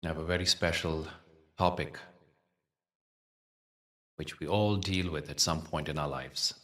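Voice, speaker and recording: Speaking very slowly and soothingly, a man with a very deep voice leads a guided meditation, leaving long, measured pauses. His tone is steady and fairly bright, and he sounds somewhat distant from the microphone.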